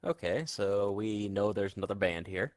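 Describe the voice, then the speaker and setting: A man playing a tabletop game, thinking out loud hesitantly. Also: lowish voice, moderate pace, dry recording. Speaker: player. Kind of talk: casual tabletop game talk.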